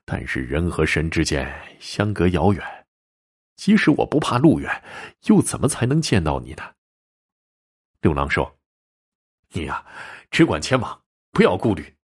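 A man with a husky voice narrating a classic folk tale, softly voicing the characters' dialogue as he goes. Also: wildly swooping pitch, measured pace, long pauses. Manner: voices the dialogue with shifting pitch and softness. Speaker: storyteller.

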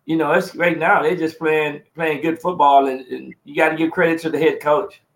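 A man's voice: on the high side, level tone, normal speed, fairly bright tone. Rambling man in an echoey room. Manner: rambling, repeats words while building a point. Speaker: sports talk co-host. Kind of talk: casual sports talk.

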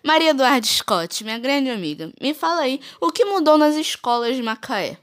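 A woman's voice: sits high, sing-song, moderate pace. A woman presents a school geography podcast, reading her script in short phrases. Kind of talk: read-aloud school presentation.

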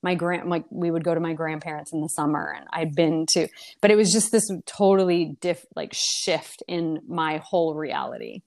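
A young woman with a fairly low voice talks casually. She rambles, circling back on her own sentences and leaning on fillers as she reminisces. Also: expressive, normal speed, a little mellow. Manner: rambling, many fillers and restarts. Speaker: podcast guest. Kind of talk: casual conversational storytelling.

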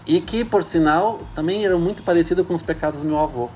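A man's voice: on the high side, fast talker, darkish tone, faint music behind. A man, a priest speaking in a thoughtful, hesitant way with many fillers. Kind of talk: casual reflective talk.

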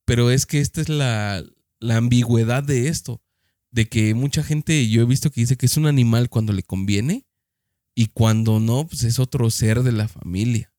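A man talking thoughtfully in a casual conversation, pausing and restarting as he reasons. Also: mid-range voice, warm tone, no echo, clean studio sound. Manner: measured, thoughtful, hesitant restarts. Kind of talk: casual chat, reflective.

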